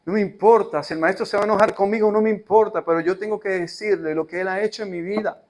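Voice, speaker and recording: Devout, desperate biblical woman, pleading, played by a male preacher with a higher voice. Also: measured pace, darkish tone, slight background noise. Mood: fervent. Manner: pleading, fervent.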